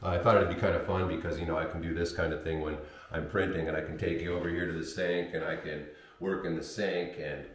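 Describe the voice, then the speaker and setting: A very low-pitched man speaks through a thick, booming echo that rings around his home darkroom. He rambles and apologizes with lots of ums and uhs, picked up on the camera's built-in mic instead of a wireless mic. It sounds like a casual livestream. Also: steady tone, fast, hardly any pauses, slight background noise. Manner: rambling and apologetic, many fillers. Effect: heavy booming room echo. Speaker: photographic printmaker livestreaming. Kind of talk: casual live stream chat. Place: home darkroom workspace with sink. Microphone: camera's built-in mic, wireless mic failed.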